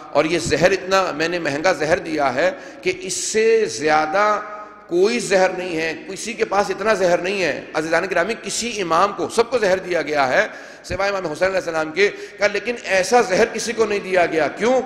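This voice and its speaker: A man delivers a majlis sermon on a venue microphone, his voice pitched high. He declaims and acts out quoted dialogue from old narrations. The sound rings in a large hall with long reverb. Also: fairly bright tone. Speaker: preacher.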